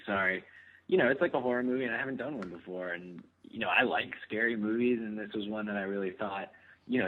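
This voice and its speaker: A man in his thirties, an actor, chatting casually as a guest, rambling with lots of fillers and easy laughter. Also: fairly low pitch. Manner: relaxed, rambling, many fillers, laughs easily. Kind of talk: casual phone interview. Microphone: phone line. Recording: tinny phone line.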